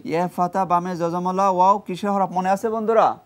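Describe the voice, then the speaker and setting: In a TV studio with a class chanting along, a Quran reading teacher uses a steady, mid-range voice at a moderate pace. His call-and-response lesson mixes quizzing, prompted group recitation, and praise for correct answers.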